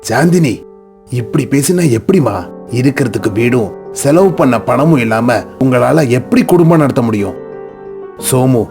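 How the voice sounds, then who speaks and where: A man plays a calm, kindly old cartoon father who speaks gently to his sons. Clear background music plays under him. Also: mid-range voice, moderate pace. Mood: gentle. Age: older. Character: kind, fair-minded elderly father. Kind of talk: cartoon voice acting.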